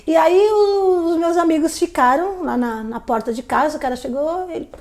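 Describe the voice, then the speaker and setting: A woman telling a personal story as a live stream host, in a lively storytelling way that acts out the voices of the people in it. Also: very high voice, normal speed. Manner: animated, acts out quoted voices.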